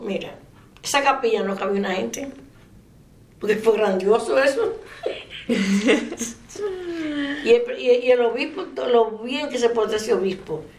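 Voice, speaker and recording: An older woman telling a faith story in a relaxed interview. She laughs often and trails off mid-sentence. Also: mid-range voice. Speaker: interviewee sharing a faith testimony. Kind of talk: casual storytelling. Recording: echoey room.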